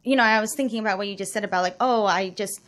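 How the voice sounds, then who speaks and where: A woman from Utah, a film director, who speaks reflectively as a podcast guest, with many pauses and fillers. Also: mid-range voice, fairly bright tone. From Utah, USA. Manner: reflective, many ums and likes. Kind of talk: casual interview chat.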